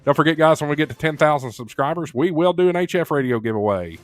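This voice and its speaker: A man's voice: on the high side, expressive, quick pace, no echo. A man hosting a casual live stream, chatting loosely with many fillers and reading viewer comments aloud.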